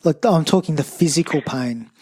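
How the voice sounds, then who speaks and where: A man's voice: a little high, moderate pace, darkish tone, breathy edge. A man hosting a podcast, reading a support message and asking hesitant, rephrased questions. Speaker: podcast host. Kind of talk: podcast host read and interviewing.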